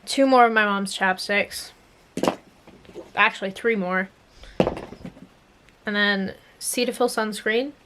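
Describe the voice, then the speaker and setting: Taking her time and pausing often, a young adult woman with a mid-range voice chats loosely with viewers over background noise. This vlogger muses out loud and drifts off mid-thought, her words a little hindered by a swollen mouth after dental work.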